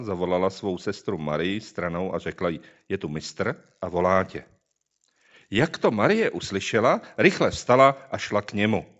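Low-voiced man preaching, dull lo-fi sound. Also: fairly bright tone. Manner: asks listeners rhetorical questions, emphatic. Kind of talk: scripture reading and sermon.

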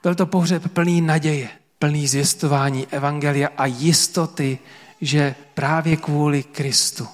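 Man, pastor, sermon, earnest, emphatic pauses, slightly high, long reverb in a big hall. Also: fairly even intonation. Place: church service before about 300 people.

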